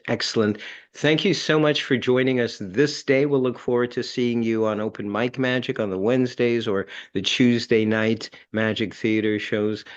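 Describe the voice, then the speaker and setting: A man hosting an online magic show, giving effusive, halting thanks and introductions. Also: fairly low pitch. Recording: dull lo-fi online audio.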